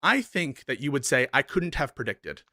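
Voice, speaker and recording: A man in an online debate, questioning haltingly with many fillers. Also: medium pitch, big pitch swings, pushed and bright, no echo, studio quality.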